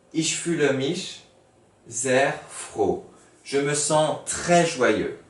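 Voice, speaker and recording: A man, teaching a remote German lesson to schoolchildren, explaining slowly and patiently with many fillers. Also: mid-range voice, echoey room, far from the mic.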